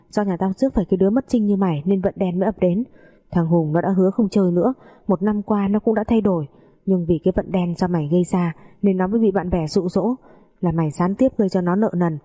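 A woman's voice: warm tone, natural voice. A woman reading a scolding, suspicious mother-in-law. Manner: shrill, accusing scolding.

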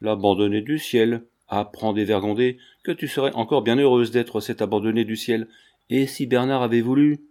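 A man's voice: mid-range voice, normal speed, darkish tone, natural voice. Give me a quarrelsome old village gossip woman, read by a man, teasing and boastful. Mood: scolding.

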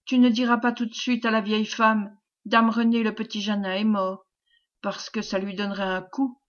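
A woman reading the lines of a gentle young fisherman, soft and quiet, on a dull lo-fi recording. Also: medium pitch, flat delivery, normal speed, close to an everyday voice. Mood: tender. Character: gentle young male fisherman, calm before death.

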